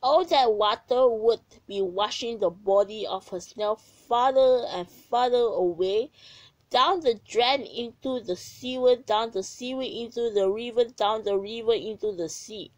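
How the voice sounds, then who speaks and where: A woman's voice: on the high side, measured pace, no echo, poor audio. Woman reading a children's story aloud. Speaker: narrator.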